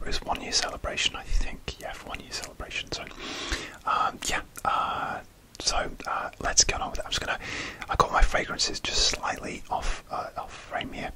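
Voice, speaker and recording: Softly whispering ASMR man. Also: poor audio. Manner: rambling, many fillers and restarts; unvoiced whisper throughout. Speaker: ASMR creator.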